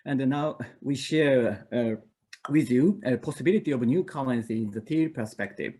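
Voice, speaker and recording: A man from Japan giving a halting, careful presentation over a video call. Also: mid-range voice, warm tone, slightly rough. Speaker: speaker.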